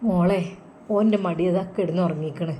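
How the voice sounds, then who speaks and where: A woman's voice: lowish voice, moderate pace, dark tone, close to an everyday voice. Woman doing a tender anxious mother. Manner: tender, soothing, pleading.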